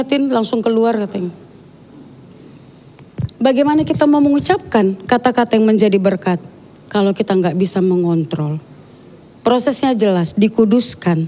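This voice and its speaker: A woman's voice: medium pitch, darkish tone. A woman giving a sermon in a church, talking frankly and chattily, with many asides to the congregation. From Dayak. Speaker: preacher.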